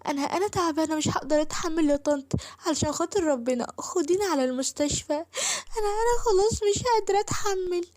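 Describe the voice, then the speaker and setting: A woman's voice: high-pitched, rapid-fire, a little mellow, voice pushed up, natural voice. A woman doing a frightened pleading girl. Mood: desperate. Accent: Egyptian. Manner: pleading, stammering, tearful.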